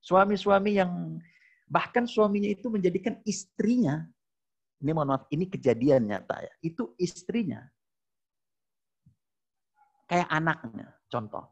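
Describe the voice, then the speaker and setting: Gravelly man preaching. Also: high voice, measured pace, long pauses. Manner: lively preaching, acts out quoted husbands and wives in raised voice. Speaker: Islamic preacher. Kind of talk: sermon. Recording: dull lo-fi recording.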